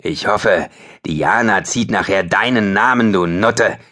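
A man voicing a heavyset, brutish teenage male bully who taunts loudly and sneeringly. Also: fairly low pitch, measured pace.

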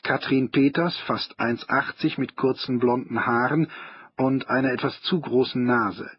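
A man's voice: mid-range voice, steady tone, a little slow, slightly rough, no room sound, lo-fi sound. A man narrating an audiobook in a dry, wry storytelling manner. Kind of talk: audiobook reading of a humorous novel.

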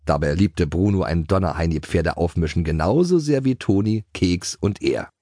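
A man narrating a children's audiobook in a playful, expressive way. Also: low voice, moderate pace, no room sound, clean studio sound.

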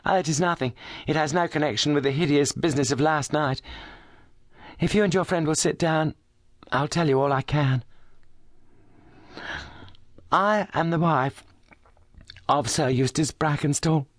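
A man putting on a high-voiced weary young lady. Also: unhurried, long pauses, no room sound, studio quality, natural voice. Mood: pleading. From brought up in South Australia. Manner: raised, pleading, indignant. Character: young titled lady, injured, weary and passionate.

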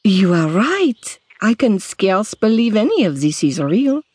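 A woman's voice: mid-range voice, sing-song, slightly rough, dry recording. A woman reading an audiobook, voicing a hot-tempered young woman who snaps and hisses her words. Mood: amused. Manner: sharp, hissing, quick to snap. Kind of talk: audiobook character voice.

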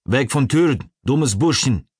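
A man's voice: mid-range voice, animated, takes it slowly, darkish tone, breathy edge, dry recording, studio quality, voice pushed up. A man voicing a hostile foreign prison guard who hisses in broken grammar.

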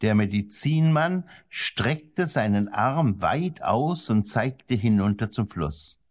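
A man narrating a children's story in a gentle, expressive way. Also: slow pace. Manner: gentle and expressive, varies the pitch to suit the story. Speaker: audiobook narrator.

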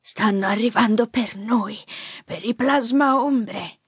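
A woman voicing a frail old grandfather weakened by a stroke, pleading urgently in a halting, breathy way for an audiobook. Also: a little high, no echo, voice pushed up, full character voice. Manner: slow pleading warnings. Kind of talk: audiobook character voice. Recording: dry close studio mic.

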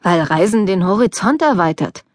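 A woman's voice: medium pitch, animated, moderate pace, a little mellow, no room sound, close to an everyday voice. Woman reading a flippant, self-assured rich young guy, close to her own voice, dry. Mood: offhand.

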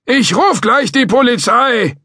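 A man voicing a doddering old male security guard who is suspicious and testy, with a shrill, querulous, shouting manner. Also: lively intonation, measured pace, husky, no room sound, clean studio sound, heavily acted.

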